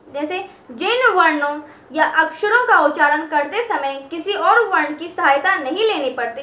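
Teacher, female, very high bright voice, slow and patient delivery, echoey room. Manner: repeats key terms and draws out chanted sounds. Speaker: Sanskrit teacher. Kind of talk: slow explanatory lesson.

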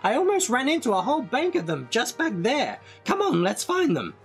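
A man reading a storybook aloud and voicing an eager young male adventurer who sounds breathless and excited. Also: extremely high pitch, moderate pace, faint music behind, pitched above the performer's own voice, full character voice.

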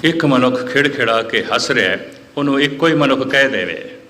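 A man delivering a sermon, speaking in measured, repeating phrases and quoting listeners in quick asides. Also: mid-range voice, lively intonation, sharp tone. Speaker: Sikh scripture preacher. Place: gathering hall, abroad.

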